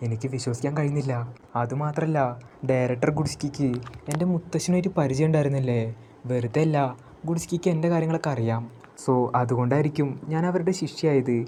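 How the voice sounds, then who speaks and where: A shy, warm young princess in a storybook retelling, read out by a man. The tone is mellow and low-key, with faint background noise behind it. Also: fast talker, natural voice. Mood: tender.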